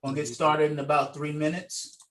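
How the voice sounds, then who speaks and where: The organiser of a table read explains things in a loose, colloquial way during casual meeting chat on a video call. His slightly high voice is fairly bright and delivered flatly, a little fast, through a video call microphone.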